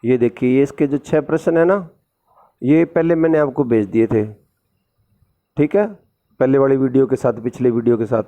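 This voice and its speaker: A man's voice: mid-range voice, steady tone, normal speed, pauses often. A man teaching a recorded school lesson with a sore throat, explaining patiently and repeating tag questions. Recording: dull lo-fi recording.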